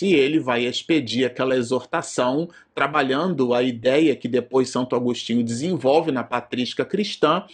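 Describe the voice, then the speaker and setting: A man's voice: medium pitch, breathy edge. A man with a Brazilian Portuguese accent teaching an informal study lecture, digressing often and tagging his sentences with fillers. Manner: digressive, frequent filler tags and restarts. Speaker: presenter of a spiritist study program.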